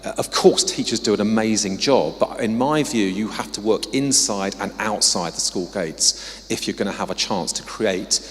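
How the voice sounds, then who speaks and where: At a normal pace and with a voice on the low side, a social mobility researcher from England presents slides as a conference guest speaker. He keeps it chatty, slipping in apologetic remarks, and the room echoes with a hall's long reverb.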